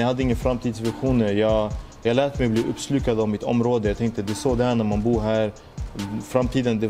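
A man's voice: medium pitch, mellow. A young man, earnestly reflecting on his life in a personal monologue, full of street slang and "du vet" fillers. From Sweden. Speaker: musician telling his story.

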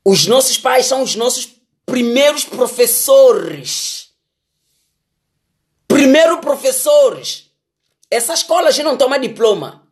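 A man's voice: very high-pitched, sing-song, unhurried, long pauses. A man giving a casual motivational rant, emphatic and repetitive, chiding his listeners with rhetorical questions. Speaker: vlogger giving life advice.

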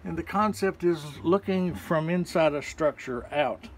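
On a handheld phone camera, an artist leads visitors around a small art gallery, pointing out the paintings one at a time in a relaxed, folksy way. His voice is on the high side and unhurried, with a little hiss or hum in the audio. It's a casual walking-tour narration.

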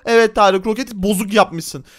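A man's voice: high-pitched, moderate pace, fairly bright tone. A man hosting a Minecraft role-play, chatty and teasing, talking to his viewers. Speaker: game role-play host and narrator.

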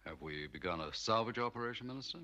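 Suave British secret agent, unflappable, lowish pitch, bright assured delivery, spy film. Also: male voice, lively intonation, quick pace. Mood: composed, businesslike. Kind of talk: film drama acting.

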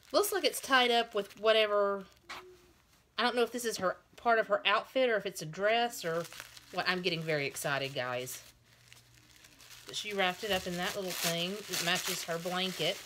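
A doll-collecting vlogger in her thirties unboxes a doll at home, a cat and child nearby, gushing over every tiny item. Her medium-pitched voice is a bit bright with lively intonation and a measured pace, over slight background noise.

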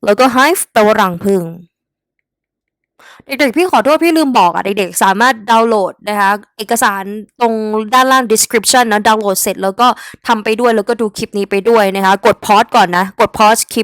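A woman's voice: on the high side, a bit bright, dry recording. Chatty young Thai woman tutoring. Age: young adult. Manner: chatty, talks straight to the students as "kids", mixing English words into her lesson. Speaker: English tutor. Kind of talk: exam-prep vocabulary lesson.

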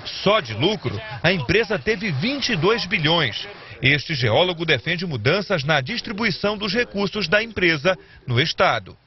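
A man reading scripted news narration in a measured reporter cadence. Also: sits high, expressive, dull audio.

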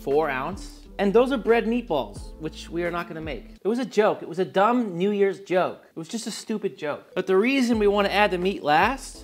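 A man in his thirties hosting a home cooking tutorial in a kitchen, enthusiastic with playful asides. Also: a little high. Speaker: cooking show host.

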